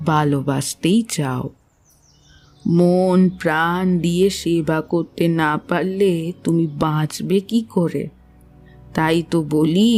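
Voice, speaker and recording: Here a woman plays a kindly, down-to-earth older matron in a literary audio drama, sounding gentle, worried, and homely. She uses a full, low-pitched character voice.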